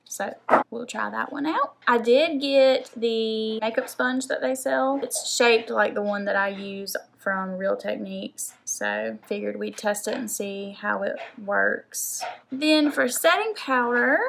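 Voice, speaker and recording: Young woman, casual beauty vlog chat, gravelly fry, faint background noise. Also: a little high, slow pace. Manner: chatty, rambling, says "like" often. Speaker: beauty vlogger. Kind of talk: casual makeup haul chat.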